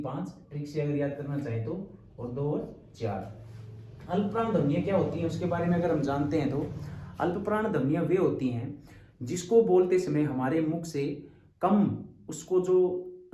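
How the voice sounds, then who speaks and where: Mellow-voiced man teaching, distant and roomy. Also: fairly high pitch. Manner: patient, repeats terms and checks in with "ठीक है". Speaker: Hindi teacher. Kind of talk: exam-prep lecture.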